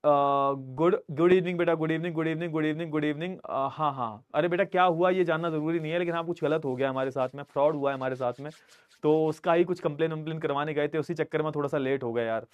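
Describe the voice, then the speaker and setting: A man's voice: a little high, fairly even intonation, a little fast, smooth, no echo, highs cut off. A man teaching a casual live online class from a studio, who talks to his students in a friendly, chatty way and keeps checking that his audio comes through. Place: recording studio.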